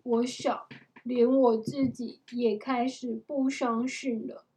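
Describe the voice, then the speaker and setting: A woman's voice: fairly high pitch, flat delivery, slow, warm tone. A woman reading a storybook aloud, voicing a thoughtful, cautious young boy in an earnest tone close to her own voice.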